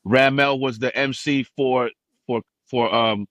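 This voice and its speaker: A man's voice: medium pitch, measured pace, dry recording. A man in his fifties, originally from Cuba, telling stories as a podcast guest and acting out the people he quotes. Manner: animated, acts out quoted people in raised voices. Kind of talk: casual storytelling interview.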